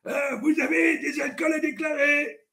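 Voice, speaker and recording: Shameless old grandpa for a comedy sketch: squeaky, sharp-toned, rambling, blurts out curses. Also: male voice, flat delivery, normal speed, creaky, heavily acted. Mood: crude rambling. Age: older. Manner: rambling, foul-mouthed, bursts into shouts.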